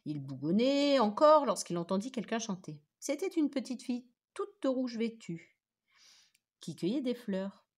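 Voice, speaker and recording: A woman teacher reading a children's story aloud with animated, expressive storytelling. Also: on the high side, a little slow.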